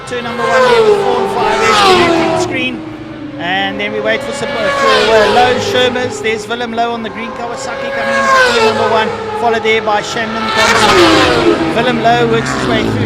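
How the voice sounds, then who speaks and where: High-voiced male motorsport commentator over loud noise. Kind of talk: live motorsport race commentary. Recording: loud engine and outdoor track noise. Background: motorcycles and vehicle noise.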